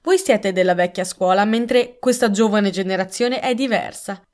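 A woman reading aloud and voicing a shrewd, gentle elderly spinster who speaks in a calm, measured way. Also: mid-range voice, lightly acted.

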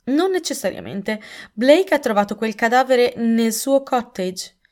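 Woman doing a calm, shrewd old spinster. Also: a little high. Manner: calm, measured, soft. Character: shrewd, gentle elderly spinster, calm and patient.

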